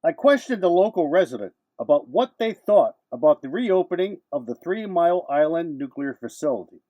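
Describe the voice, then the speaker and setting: Husky male news narrator with lively intonation. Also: on the high side, fairly quick, no room sound, muffled recording. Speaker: reporter and narrator.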